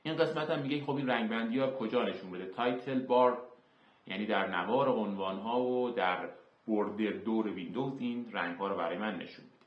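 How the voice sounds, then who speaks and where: A man hosting a screen-recorded software tutorial, explaining each term step by step with filler sounds. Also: fairly low pitch. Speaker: tutorial host. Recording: echoey, dull lo-fi room.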